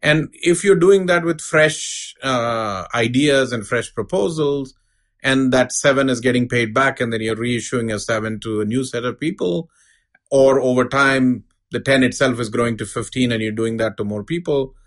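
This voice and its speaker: A middle-aged man giving a measured, unscripted explanation as an expert interview guest. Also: mid-range voice. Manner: measured, explanatory, uses analogies. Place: studio.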